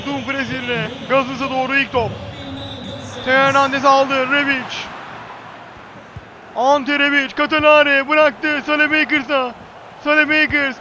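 A man doing live football play-by-play as an excitable commentator who screams players' names at big moments. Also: very high voice, muffled recording, a little hiss or hum.

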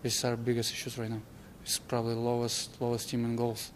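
A young man, a hockey player, giving a halting postgame interview in a locker room with simple, broken phrasing. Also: medium pitch, completely flat delivery, slight background noise.

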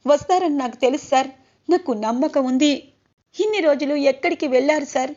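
A woman's voice: high voice, fairly quick, darkish tone, natural voice. A woman reading the lines of a devoted, heartbroken young woman who pleads emotionally. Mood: pleading. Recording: slightly dull lo-fi audio.

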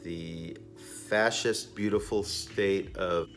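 A man in his forties who hosts a cigar review channel delivers an emphatic, indignant, opinionated vlog rant from a small indoor storage room stacked with boxes, gesturing broadly with his hands. His voice is low and fairly bright, with a steady tone and slow pace, and faint music plays behind him.

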